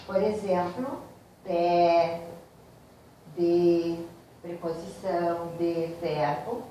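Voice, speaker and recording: A woman teacher, giving a slow, explanatory grammar lesson and speaking directly to her students. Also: on the low side, mellow, far from the mic, a little hiss or hum. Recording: very echoey room, voice from off mic.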